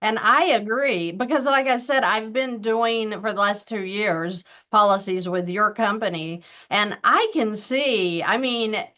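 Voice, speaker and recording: A woman in her fifties hosts a casual interview chat, chatty and upbeat, with a few restarts. Her mid-range voice sounds pushed and bright, at a measured pace with few pauses. The recording has a dull, lo-fi quality.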